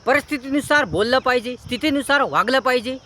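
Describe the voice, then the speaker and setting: A man with a fairly high voice delivers an earnest moral lecture. He piles up near-synonyms in long repetitive chains. Clear outdoor noise from a rural setting runs under his voice. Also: lively intonation, fast, sharp tone. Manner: earnest, preachy. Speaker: motivational speaker. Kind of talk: moral advice monologue.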